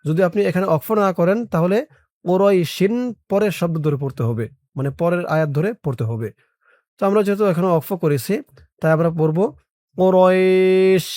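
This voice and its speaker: A man teaching Quran recitation in a lesson. He spells out letters and vowel marks slowly, then chants the verses in long drawn-out tones. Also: fairly high pitch, animated, darkish tone, no echo, studio quality. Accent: Bangladeshi Bengali.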